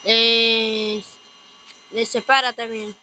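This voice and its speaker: Slow-spoken young woman student. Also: a little high, level tone, pushed and bright, slight background noise, poor audio. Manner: brief, hesitant answers. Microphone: computer mic on video call.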